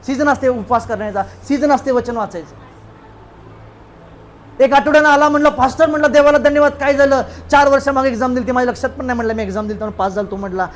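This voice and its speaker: High-voiced man preaching with emphatic hallelujahs. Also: a little hiss or hum. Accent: Marathi. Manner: emphatic, calls out hallelujahs with the congregation. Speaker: pastor. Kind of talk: sermon.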